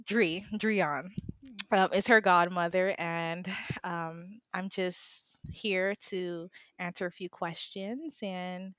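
A woman's voice: fairly low pitch, fairly even intonation, slow pace, a bit bright, no echo. A young adult woman guesting on a podcast, chatting in a bubbly way and laughing often. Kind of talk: casual podcast chat. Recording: dull, dry lo-fi sound.

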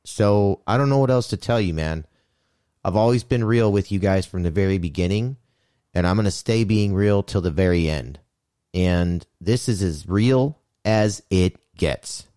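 Podcast co-host, male, lowish warm voice, sincere and blunt, dry close sound. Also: no echo. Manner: earnest, heartfelt and candid, with casual swearing. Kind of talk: casual podcast monologue.

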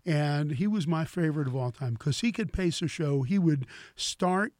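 An older man chatting casually about guitars and musicians, telling stories in a relaxed way with many fillers. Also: fairly high pitch, moderate pace, dry recording, clean studio sound. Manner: relaxed storyteller, lots of "you know".

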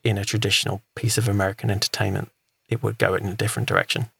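A man's voice: on the low side, flat delivery, very fast, creaky, fairly bright tone, breathy edge, dry recording. A man talking casually on a podcast, reviewing a show in a rambling, thinking-aloud way. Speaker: podcast co-host. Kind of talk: casual film review chat.

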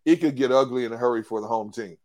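A man's voice: medium pitch, quick pace, a little mellow. Man, sports talk co-host, emphatic, analytical, restarts often.

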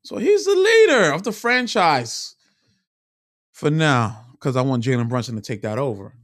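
A man's voice: a little high, moderate pace, no echo, studio quality. A man giving an opinionated sports rant to camera, frustrated and repeating himself for emphasis. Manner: animated, frustrated, repetitive emphasis. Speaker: sports vlogger.

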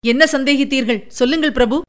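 A woman's voice: sits high, fairly quick, pitched above the performer's own voice, lightly acted. A woman voicing a proud, wounded young dancer. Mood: pleading. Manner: firm, commanding. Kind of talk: audiobook character reading.

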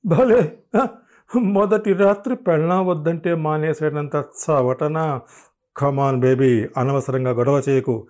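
A man's voice: on the high side, slow, darkish tone, voice pushed up. A man voicing a drunken, crude young husband who mocks and bullies in a coarse, drawling manner. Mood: menacing. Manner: mocking and coarse, drawling with English endearments.

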